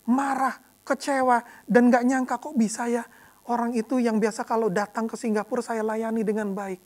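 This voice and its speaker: A woman deacon preaching a sermon in a conversational way, often adding "ya" and repeating words for emphasis, moving between soft low passages and loud emphatic ones. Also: level tone, moderate pace.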